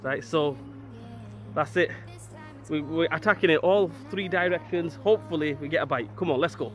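A man in his thirties talks excitedly to a camera held at arm's length, keeping up a chatty running commentary. His voice sits a little high for a man. Clear background music plays under him. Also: normal speed. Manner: chatty, excitable, says "right?" and "let's go" often. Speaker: vlogger. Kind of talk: casual vlog to camera. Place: car, outdoors in town and by a river, shop. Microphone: phone or action camera held at arm's length.

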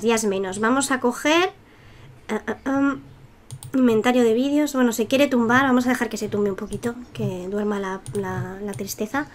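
Young spanish girl narrating her sims game, chatty and giggly, voice a bit on the high side. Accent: Spain Spanish. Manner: chatty, giggly, self-mocking asides. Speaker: gameplay youtuber. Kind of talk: casual game commentary.

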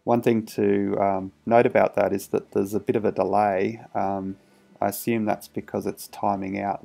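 A man with a lowish, gravelly, dark voice casually narrates a hands-on electronics demo as a hobbyist presenter. He sounds hesitant and understated, thinking aloud as he goes.

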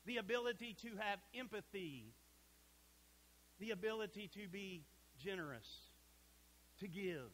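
A middle-aged man preaching a sermon in a church sanctuary, folksy and emphatic, dropping to a hush at points. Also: high voice, expressive, a little slow, long pauses, poor audio.

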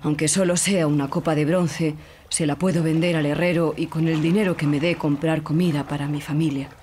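A storyteller voicing a poor, worried old fisherman in a fairy tale, speaking low and subdued over background music. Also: fairly even intonation, brisk, darkish tone, slight background noise, lightly acted. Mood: grumbling. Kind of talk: storybook character voice.

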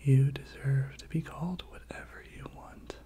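A person giving a whispered pep talk in soft, breathy ASMR style, repeating short encouraging phrases. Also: medium pitch, fairly even intonation, normal speed.

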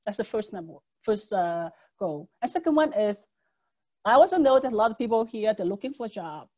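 A woman whose first language is Cantonese gives a public speaking lesson over slides on a video call, her mid-range voice animated, brisk and warm. Her phrasing is earnest and conversational, full of fillers, and the webcam microphone gives the audio a lo-fi sound.

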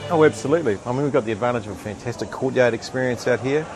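A man's voice: medium pitch, racing, loud music behind the voice. A man in his fifties with a New Zealand accent, a restaurant manager talking confidently and in a businesslike, upbeat way in an outdoor courtyard. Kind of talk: promotional interview. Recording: noisy outdoor ambience with traffic.

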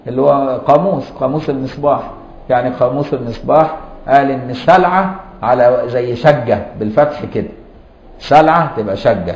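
A man with an Egyptian accent lectures at a middling pitch, patient and explanatory, often asking his listeners whether they follow. The room is echoey and the recording sounds dull and lo-fi. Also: darkish tone, slight background noise. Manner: explains patiently, checks understanding with rhetorical questions; chants verses slowly. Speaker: Islamic jurisprudence teacher. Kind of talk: classroom lecture. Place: lecture hall or mosque.

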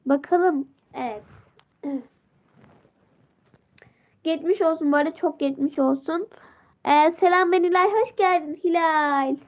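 A woman's voice: high voice, measured pace, pauses often, darkish tone. A teenage girl chatting on a casual live stream, greeting viewers and reading out comments, her voice worn from a sore throat and a stuffy nose.

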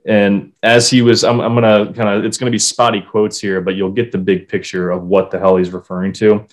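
With a fairly low pitch and a brisk pace, this man co-hosts a casual hockey podcast, swearing, staying animated, and reading quotes aloud.

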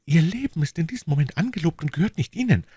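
A man's voice: a little high, expressive, quick pace, mellow, breathy edge, no room sound, pitched above the performer's own voice. A man voicing a tender, frightened young woman in an audiobook, pleading in a raised voice. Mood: anxious. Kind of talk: audiobook reading, acted dialogue.

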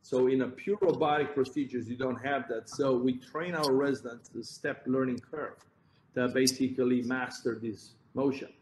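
Speaking at a moderate pace with fairly even intonation, this man has a mid-range, slightly dark voice and a Romanian accent. He's a heart surgeon giving a conference talk, explaining things step by step and fixing his own slips while gesturing at slides. Faint noise and a roomy echo color the recording.

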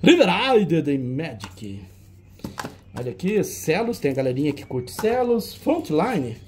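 Chatty man, lively swooping voice. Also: on the high side, a little slow, slight background noise. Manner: chatty, teasing, jokey banter with a helper. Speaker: seller hosting a retro game auction. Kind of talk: casual show-and-tell of old game cartridges.

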